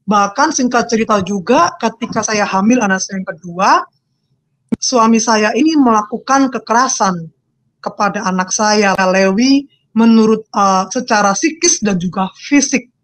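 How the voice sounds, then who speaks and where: A woman giving an emotional personal testimony as an interview guest, repeating her phrases and swinging widely in pitch. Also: moderate pace.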